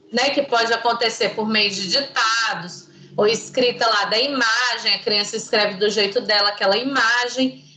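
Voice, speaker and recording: A woman's voice: sits high, fairly bright tone, roomy sound, rough recording. A woman teaching an online class, patient and didactic, quizzing her students.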